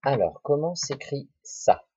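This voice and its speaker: Slow, patient teacher, husky. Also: male voice, medium pitch, very animated, warm tone, dry recording, highs cut off. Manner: slow, patient, syllable-by-syllable dictation. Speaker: primary school teacher. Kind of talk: recorded reading and spelling lesson for children.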